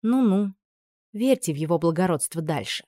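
A defiant teenage schoolgirl, as a reader plays her, her voice shaky with fear yet held proud and cold. She speaks at an ordinary pitch, close and dry like a storybook reading. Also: expressive, moderate pace, mellow, no echo, natural voice. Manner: trembling yet proud, raised voice. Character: frightened but defiant teenage girl student.

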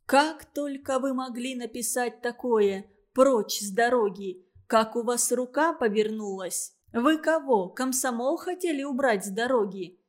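A woman's voice: a little high, lively intonation, measured pace, a little mellow. A woman voicing an earnest young woman who scolds in a reproachful tone.

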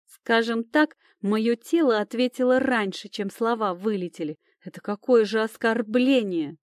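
A woman's voice: on the high side, a little slow, no room sound, clean studio sound, voice pushed up, close to an everyday voice. Woman doing an indignant, growling male elf. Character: proud, hot-tempered adult male elf lover.

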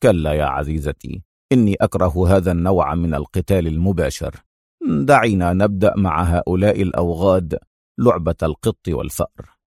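Man doing a calm, ironic male agent. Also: normal speed, no room sound, studio quality. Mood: wry calm. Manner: calm, low and wryly teasing.

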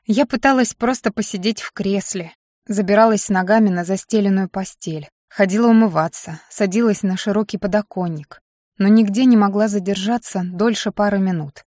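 A woman's voice: mid-range voice, normal speed, a little mellow, no room sound, clean studio sound. Woman reading an audiobook in first person. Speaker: audiobook narrator.

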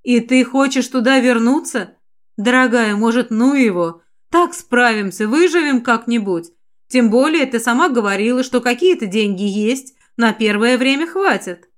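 This is a gentle middle-aged mother from an audiobook, soft and warm with her daughter but firm when she worries, read by a woman. Her voice sits a little high. She speaks with calm, motherly care. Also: normal speed, lightly acted. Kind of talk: audiobook character voice.

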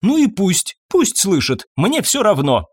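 Мужчина-чтец изображает озлобленную, язвительную женщину средних лет, официантку, которая кричит и пилит мужа. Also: male voice, sing-song, unhurried, no echo, studio quality, exaggerated voice. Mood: furious. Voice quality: high, sharp and shouting. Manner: scornful, nagging outbursts. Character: shrill, bitter, scolding middle-aged woman waitress.

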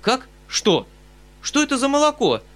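Пожилой отставной полковник в исполнении чтеца: громкий, высокий, восклицающий, добродушно-суетливый. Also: male voice, high voice, big pitch swings, normal speed, a bit bright, voice pushed up. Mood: excited. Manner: exclaiming, fussy, eager. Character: excitable good-natured retired male colonel, older.

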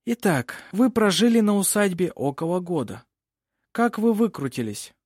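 A man's voice: high voice, very animated, moderate pace, darkish tone, no room sound, studio quality, pitched above the performer's own voice. A man playing a bold, commanding lawyer who declaims to the court. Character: forceful male lawyer, bold courtroom orator.

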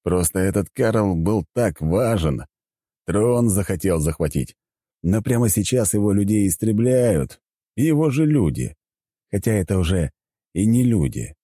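Male audiobook narrator, low mellow voice, wry measured read. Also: animated, no room sound, studio quality. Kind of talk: scripted narration.

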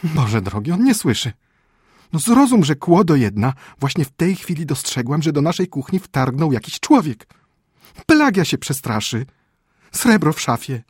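A man reading an audiobook, voicing a panicky, scolding wife in a high, strained voice. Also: big pitch swings, moderate pace, darkish tone, breathy edge, no echo, clean studio sound. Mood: frantic. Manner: frantic, reproachful. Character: panicky shrill middle-aged wife, prim and scolding. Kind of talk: audiobook character voice.

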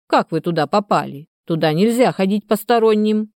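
A woman voicing a hoarse, half-drunk old male canal watchman who grumbles slowly and muses aloud. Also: medium pitch, lively intonation, a little mellow, no room sound, studio quality, lightly acted. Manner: grumbling, slow and musing.

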